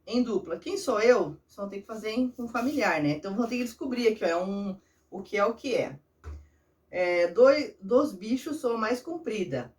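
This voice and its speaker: A woman's voice: mid-range voice, animated, normal speed, darkish tone, far from the mic. A woman primary school teacher with a Brazilian Portuguese accent, patiently guiding children step by step through workbook exercises. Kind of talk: remote lesson walkthrough of a workbook.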